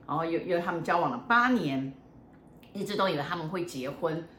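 Low-voiced older woman. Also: a little fast, a bit bright. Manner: chatty and joking, many fillers. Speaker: fortune teller. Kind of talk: casual storytelling. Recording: roomy room with faint noise.

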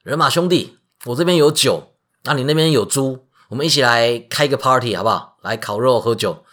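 A man with a Taiwanese Mandarin accent voicing a boastful young hero, loud and cocky. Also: mid-range voice, lively intonation, fairly quick. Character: brash boastful male hero, young and strong.

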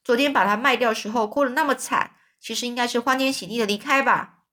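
A woman's voice: on the high side, fast talker, bright, forceful tone. A woman voicing a suspicious old con man posing as a king, speaking grudgingly. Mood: bitter. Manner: interrogating, grudging.

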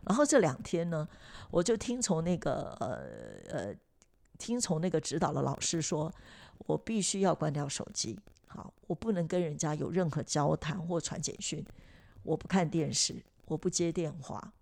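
Gravelly-voiced woman chatting reflectively. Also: low-pitched, sing-song, normal speed, darkish tone. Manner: reflective, chatty, many fillers and restarts. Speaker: podcast host. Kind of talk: casual chat.

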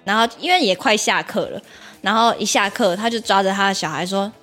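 A woman dance teacher, telling stories on a podcast in an animated, laughing way. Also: mid-range voice, brisk, soft background music. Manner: animated, laughing retelling with playful repetition. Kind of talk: podcast storytelling.

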